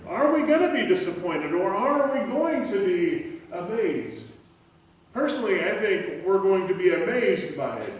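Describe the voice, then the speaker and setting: A male pastor giving a conversational, story-driven sermon. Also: high-pitched. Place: church sanctuary. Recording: echoey church room from far off.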